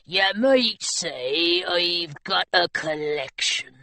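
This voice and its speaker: A woman reading an audiobook, voicing a menacing gold-toothed male pirate who drawls slowly and low. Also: very animated, vocal fry, sharp tone, no echo, full character voice. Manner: slow, low, threatening drawl.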